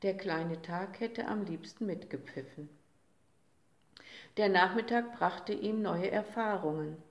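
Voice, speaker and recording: A woman reading a children's story aloud, slow and expressive, in a roomy recording. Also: medium pitch. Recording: roomy echo.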